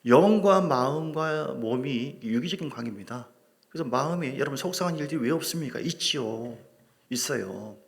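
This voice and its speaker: A middle-aged man preaching a sermon as a pastor in a church, lively and joking with his congregation. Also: medium pitch, moderate pace, vocal fry. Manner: animated preaching with humor, asides to the congregation. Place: church sanctuary.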